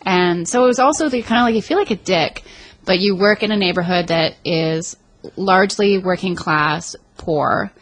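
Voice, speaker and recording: A woman co-hosting a podcast, telling stories in casual chat with wry jokes and quick asides. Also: on the low side, dry recording. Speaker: podcast co-host. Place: apartment.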